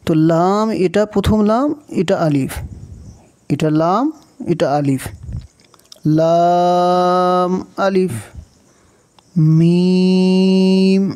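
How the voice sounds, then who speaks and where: Male Bengali-accented teacher, slow and patient drills, mellow smooth voice. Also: high voice, steady tone. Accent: Bangladeshi Bengali. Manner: patient, drills letter names slowly and repeats them. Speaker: Quran reading teacher.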